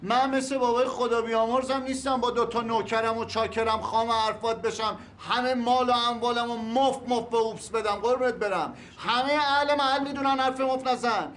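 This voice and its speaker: A man's voice: very high-pitched, steady tone, hardly any pauses, a bit bright, slight background noise. An actor playing a hot-tempered man who fawns, then turns angry and pushy over his inheritance. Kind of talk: TV series acting.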